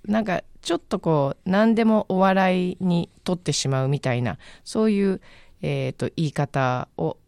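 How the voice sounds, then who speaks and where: A woman's voice: fairly low pitch, unhurried, a little mellow, dry recording, clean studio sound. A woman radio host casually recommending a book on air, chatty and musing, often searching aloud for the right word.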